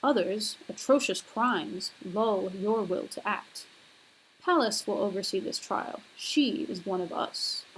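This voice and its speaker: A woman lecturer putting on a deeper, manly voice for a stern male god, speaking in a slow, measured way. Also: a little hiss or hum, close to an everyday voice, rough recording. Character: stern male god defending his deed.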